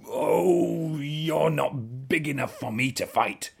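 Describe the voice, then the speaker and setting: A man voicing a shrill, bad-tempered, boastful little ladybird that screeches and shouts in a storybook reading. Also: lively intonation, slow pace, gravelly, husky, heavily acted. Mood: screaming, boastful.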